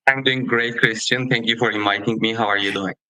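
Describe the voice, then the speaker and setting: Man, bright level voice. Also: mid-range voice, steady tone, fairly quick, dry recording, poor audio. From Turkey. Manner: hesitant, many fillers and restarts. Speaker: guest. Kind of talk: podcast interview.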